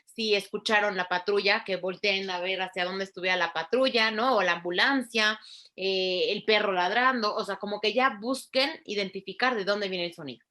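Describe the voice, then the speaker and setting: Woman, bright voice, didactic, clear, interview guest. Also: medium pitch. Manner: clear, didactic, spells out sounds slowly. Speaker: speech therapist. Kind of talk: explaining in an interview.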